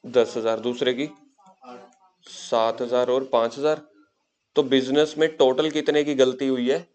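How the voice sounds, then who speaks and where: Male accountancy tutor, middle pitch, patient step-by-step lecture that slows for dictation. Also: a little mellow. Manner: explains step by step, mixing Hindi and English, dictates English lines slowly; talks to students as beta, with joking asides. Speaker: accountancy teacher. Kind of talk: classroom lecture.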